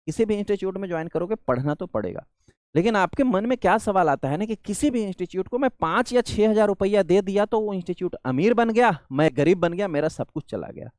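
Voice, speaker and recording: A man's voice: high voice, expressive, quick pace, darkish tone, dry recording, clean studio sound. A man teaching an exam-prep lecture, speaking earnestly and calling his students sir and beta. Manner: earnest, addresses viewers as sir and beta, mixes in English. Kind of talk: coaching lecture on a job vacancy.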